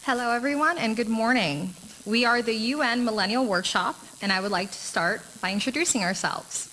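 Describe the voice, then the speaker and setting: A young woman from Brazil, a student presenter reading a prepared group presentation in a steady, careful way. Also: a little high, brisk, a little hiss or hum, low-quality recording.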